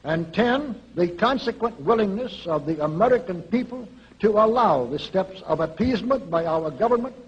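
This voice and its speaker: A man with a high, husky voice speaks on an old 1950s archive recording. He delivers a formal prepared speech in a measured, deliberate way, laying out his points one by one. The sound is dull and muffled. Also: animated. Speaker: public speaker.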